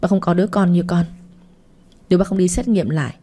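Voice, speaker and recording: A woman's voice: on the low side, a little fast, mellow, natural voice. A woman narrator voicing a stern older father who scolds his wife and daughter in an audio story. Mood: angry. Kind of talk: audiobook reading.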